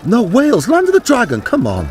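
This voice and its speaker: A man's voice: extremely high pitch, huge pitch swings, a little fast, soft background music, full character voice. An actor playing an exasperated traveller in a comedy sketch, insisting on where he comes from. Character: exasperated male traveller, grown man, insistent.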